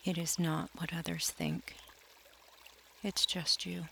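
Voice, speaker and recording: A man leading a scripted guided meditation, talking slowly and softly and drifting into near-whispers, with faint trickling water behind him. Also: fairly high pitch, very animated, creaky, a little hiss or hum. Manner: slow, soft and soothing, drifting into near-whispers.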